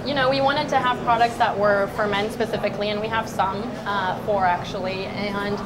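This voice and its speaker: A woman's voice: mid-range voice, fairly even intonation, normal speed, over a noisy crowd, low-quality recording. A woman from Switzerland, a skincare founder answering interview questions fluently with many fillers. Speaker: skincare company founder, guest.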